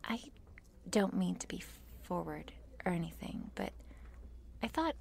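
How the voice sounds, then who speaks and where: This is a shy, meek cheerleader with a crush, acted by a woman in an intimate whispered role-play. She speaks slowly and haltingly, slipping between creaky murmurs and breathy whispers. Her manner is nervous, self-deprecating and apologetic. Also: fairly low pitch, animated, darkish tone, a little hiss or hum. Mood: shy, hesitant.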